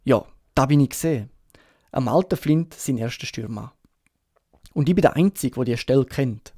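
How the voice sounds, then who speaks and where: A Swiss German man voicing a sick, gruff old sea captain in an audiobook, urgent and pleading in rough sailor talk. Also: medium pitch, dark tone, no room sound, clean studio sound, close to an everyday voice. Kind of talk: audiobook character reading.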